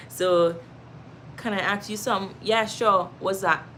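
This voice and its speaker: With a mid-range voice, fairly even intonation and a slow pace, a Trinidadian woman hosts a casual home livestream over slight background noise. She reads viewers' comments aloud, laughs often, and gives warm encouragement.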